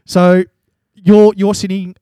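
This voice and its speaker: A man's voice: high voice, flat delivery, slow, warm tone, clear, resonant tone, no room sound. A man with an Australian accent chatting casually and jokingly as a podcast co-host, using plenty of slang. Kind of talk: casual chat.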